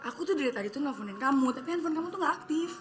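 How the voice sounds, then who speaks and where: An actress playing a sharp-tongued betrayed fiancée who scolds her man. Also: lively intonation, very fast, over loud music. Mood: furious. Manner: scolding, shrill.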